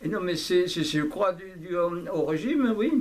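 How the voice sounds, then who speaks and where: An elderly man from southwest France talks casually and haltingly, repeating himself, recorded by a hidden microphone. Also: sits high, animated. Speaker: interviewee, childhood friend recalling the past. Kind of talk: casual conversation, reminiscing. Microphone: hidden camera microphone. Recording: noisy candid hidden-mic recording, clicks.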